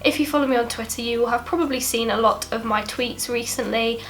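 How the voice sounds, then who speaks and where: A young British beauty vlogger, stuffed up with a cold, talks through a product review in a subdued, apologetic way, chatty and full of fillers. Her voice is fairly high, a little fast, and fairly bright.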